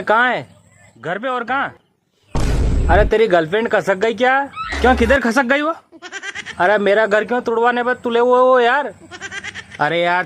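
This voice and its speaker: A man's voice: high-pitched, a bit bright. A man in a comic phone-call sketch, talking in a rustic, exclaiming way. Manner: rustic, exclaiming, repeats "yaar". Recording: faint background noise.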